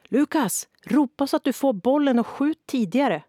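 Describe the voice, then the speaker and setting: A woman's voice: high voice, lively intonation, no room sound, clean studio sound, pitched above the performer's own voice. A woman doing a pushy scolding football mom. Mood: shouting. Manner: shouting, scolding. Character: stern pushy mother of a young footballer.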